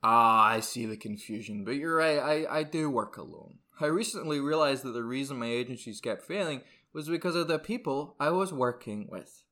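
A man's voice: mid-range voice, moderate pace, few pauses, bright, forceful tone, close to an everyday voice. A man playing a brash, irritable, eccentric ad agency boss in a comedy script, volatile and blustering. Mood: deadpan boasting. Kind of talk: comedy script read aloud.

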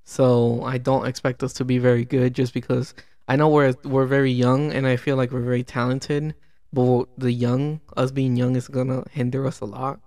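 A man in casual sports chat, talking in a calm, measured way. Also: medium pitch, dry recording, clean studio sound.

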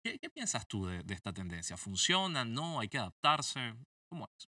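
A man hosting a pop culture interview show with a lively, ironic delivery. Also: medium pitch, moderate pace, no echo, clean studio sound, recorded from a distance. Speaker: host.

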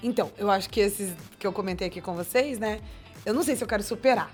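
A woman's voice: medium pitch, fast, faint music behind. A woman co-hosting a casual conversation, chatty, easygoing and a little teasing. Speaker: co-host. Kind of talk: casual chat.

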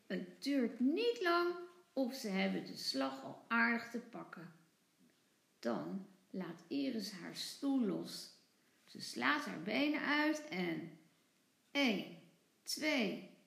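A woman teacher reading a children's storybook aloud in an expressive, sing-song way. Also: on the high side, creaky, reverberant.

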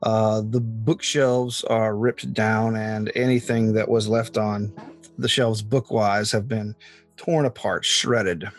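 A man running a tabletop game as game master, describing rooms in an unhurried way with many fillers. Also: fairly low pitch, steady tone, faint music behind.

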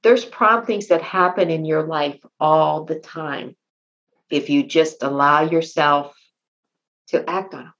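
A woman who is a podcast guest, telling a personal story in a halting, emotional way with many restarts. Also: low voice, steady tone, fairly bright tone, lo-fi sound.

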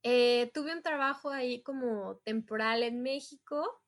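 Chatty Mexican woman with a higher voice. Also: measured pace. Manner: chatty, animated, acts out her own past quotes. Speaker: guest. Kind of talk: casual storytelling interview.

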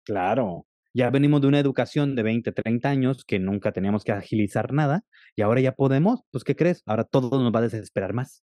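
A man, a guest on a podcast, chatting casually and telling stories quickly and with animation. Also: medium pitch, no echo, studio quality. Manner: fast-talking, animated storyteller. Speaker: guest, content creator on attention deficit. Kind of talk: casual interview chat.

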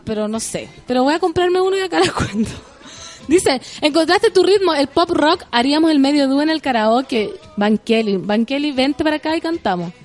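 Chilean woman radio host, high and brassy, loud slangy chat, faint music under. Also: animated, normal speed. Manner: loud, playful, slangy, bursts into song. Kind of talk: casual chat, reading listener messages.

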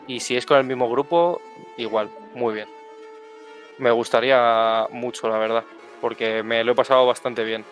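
Male player, casual effusive feedback, mid-pitched. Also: a bit bright. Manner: effusive, repeats words for emphasis. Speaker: tabletop game player giving feedback. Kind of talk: casual post-game feedback chat.

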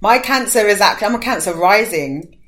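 A woman, a podcast guest talking over a call, soft-spoken and hesitant with many pauses. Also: medium pitch, lively intonation, crowd noise. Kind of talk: casual podcast chat. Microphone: remote call.

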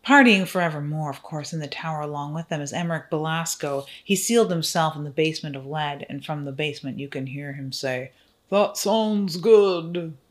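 A woman's voice: sits low, fairly even intonation, fairly quick, few pauses. A woman improvising a comic horror story in a rambling, wry way, with fillers and asides.

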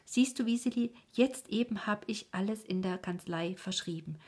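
A woman voicing an overjoyed, kindly middle-aged carpenter who talks excitedly and breathlessly, in a storybook reading. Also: deep voice, a little slow, gravelly, husky, full character voice.

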